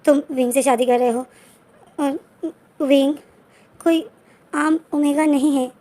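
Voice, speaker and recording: A woman's voice: high voice, fairly even intonation, measured pace, mellow, pitched above the performer's own voice. A woman doing a tearful anxious girlfriend. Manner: pleading, tearful, urgent.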